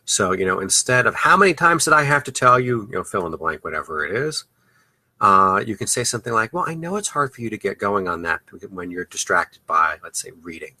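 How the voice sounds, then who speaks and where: A man's voice: sits low, animated, brisk, pushed and bright, breathy edge, dry recording. A man hosting a parenting podcast, giving advice in a loose, conversational way with frequent "uh" and "you know" fillers. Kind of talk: advice talk.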